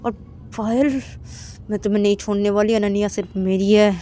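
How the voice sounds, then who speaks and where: A woman's voice: mid-range voice, fairly even intonation, moderate pace, warm tone, slight background noise, lightly acted. A woman voicing a jealous young woman who mutters threats about a rival. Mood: angry, scheming. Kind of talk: storytelling role-play.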